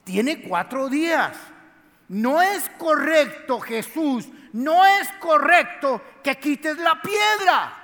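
A fretful, grieving woman, as a preacher puts her on, protests in a high, strained voice that nearly becomes a shout. The hall echo trails long behind her. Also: wildly swooping pitch, extremely slow, hardly any pauses, full character voice. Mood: alarmed. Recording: echoey hall.

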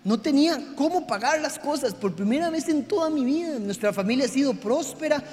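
A man preaching a sermon to his congregation, swinging from hushed confession to shouting. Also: very high voice, animated, brisk. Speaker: pastor. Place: church hall. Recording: reverberant hall with faint music.

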